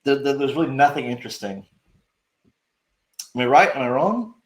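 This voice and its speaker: A man's voice: mid-range voice, expressive, moderate pace. Ranting man in an echoey room. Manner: rambling, profane, sarcastic. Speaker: livestream host. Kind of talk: casual livestream rant.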